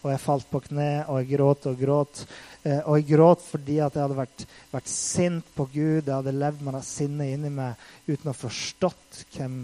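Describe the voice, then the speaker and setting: A man's voice: on the high side, level tone, mellow, low-quality recording. A man preaching in a casual, conversational way, full of fillers, building to intense acted-out quotes. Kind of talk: casual sermon.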